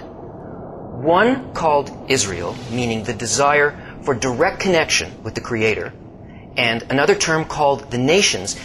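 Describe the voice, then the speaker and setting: Hushed, dramatic male narrator with hiss. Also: mid-range voice. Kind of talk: scripted documentary narration. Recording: steady background hiss.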